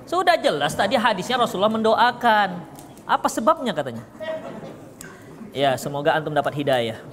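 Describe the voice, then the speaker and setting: A man's voice: high-pitched, very animated, normal speed, crowd noise. A man giving a religious lesson and answering questions, teasing and chuckling often. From Medan, Indonesia. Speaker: Islamic preacher answering questions. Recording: echoey hall with faint ambience.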